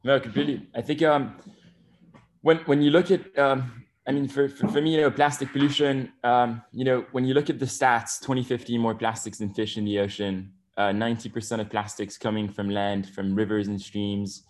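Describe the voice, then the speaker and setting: A man's voice: medium pitch, steady tone, moderate pace. A man in his twenties, a podcast guest, talking enthusiastically with many fillers and restarts. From Bali, Indonesia. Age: 20s. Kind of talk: podcast interview.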